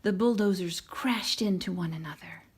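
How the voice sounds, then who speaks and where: In a fairly low, creaky, husky voice, a woman narrates a children's storybook expressively at a moderate pace.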